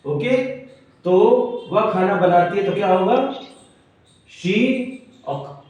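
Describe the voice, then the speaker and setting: A man's voice: sits high, takes it slowly, a little mellow, highs cut off. A man teaching English grammar in a classroom lesson, explaining step by step, spelling words letter by letter and checking in with his listeners. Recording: very echoey room, mic far off.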